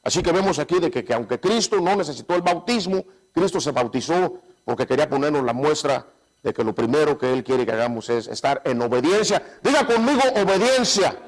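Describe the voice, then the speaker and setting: A man preaching in a church with a notably high voice. He keeps calling for amens and calling his listeners brothers. His delivery jumps between loud, raised lines and quiet, low asides. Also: expressive, brisk, rough recording. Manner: call-and-response, repeating "¿cuántos dicen amén?" and "hermanos"; restarts and repeats phrases often. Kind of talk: sermon.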